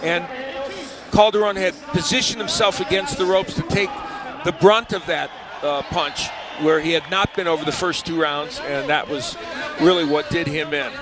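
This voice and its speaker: A man's voice: a little high, normal speed, a crowd in the background. A man giving live boxing analysis, explaining the action in a raised voice over the arena. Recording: clear arena noise behind the voice.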